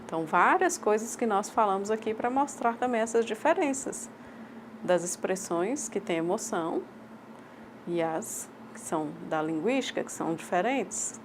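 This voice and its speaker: A woman with a Brazilian accent voicing a sign language teacher's lecture aloud, in measured, halting short phrases. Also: mid-range voice, expressive, background noise. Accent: Brazilian Portuguese. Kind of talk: voiced interpretation of a lecture.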